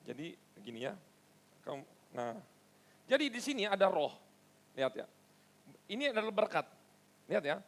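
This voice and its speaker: High, gravelly-voiced pastor preaching. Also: male voice. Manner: lively, mixes stern asides with playful teasing of the congregation. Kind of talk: sermon.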